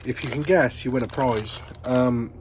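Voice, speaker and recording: A British man who sounds unwell with a runny nose, talking casually and haltingly to himself as he narrates his plumbing work. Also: mid-range voice. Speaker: plumber filming his jobs. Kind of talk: casual work vlog, talking through tasks. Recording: noisy, clicks and vehicle sounds.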